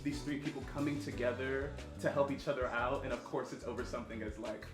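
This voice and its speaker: A man's voice: medium pitch, steady tone, quick pace. A man hosting a conversational interview, explaining things emphatically as he goes. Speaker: host and writer of the series. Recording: roomy echo with music underneath.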